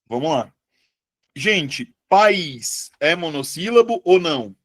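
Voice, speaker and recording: A man teaching a live online Portuguese lesson, chatty and lively, often putting questions to his students. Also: fairly high pitch, takes it slowly, dry recording, studio quality.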